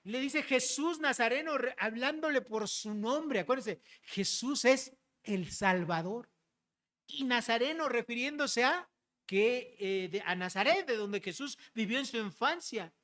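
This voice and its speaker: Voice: medium pitch, lively intonation, a little slow, fairly bright tone. Direct pastor preaching a sermon. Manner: direct, rhetorical questions, frequent "¿verdad?" tag; explains verses to the congregation, addressing them as brothers. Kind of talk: expository sermon.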